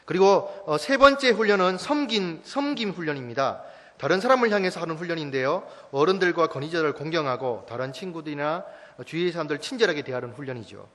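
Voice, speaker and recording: Church staff speaker, male, thirties: quick, emphatic parenting talk with a slightly high voice and long hall reverb. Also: expressive, fairly bright tone. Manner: emphatic, addresses audience directly with rhetorical questions.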